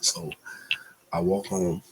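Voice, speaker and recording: A man's voice: deep voice, level tone, slow pace, slight background noise, rough recording. A young man casually telling a long storytime, slangy and profane, with a loose, rambling delivery.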